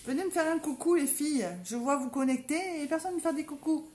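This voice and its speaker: Fast and high-pitched, with a slightly mellow quality, a woman with a southern French accent chats her way through a live makeup tutorial, calling out to viewers all the time. She comes from the south of France. Her recording has a roomy echo and faint ambience behind it.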